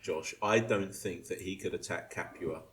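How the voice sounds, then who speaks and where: A man's voice: deep voice, moderate pace, fairly bright tone, a little hiss or hum. A man co-hosting a podcast, teasing the others and breaking into giggles during casual chat. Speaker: podcast co-host.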